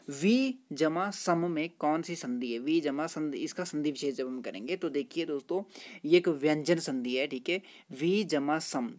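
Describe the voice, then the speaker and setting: A man teaching grammar for exam prep. He is friendly, goes through quiz answers step by step and keeps repeating "ठीक है" and "दोस्तों". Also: on the high side.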